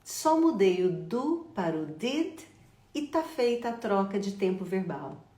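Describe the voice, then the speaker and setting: A middle-aged woman teaching an online English lesson, repeating phrases slowly for her students. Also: medium pitch, sing-song, dark tone. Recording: echoey room.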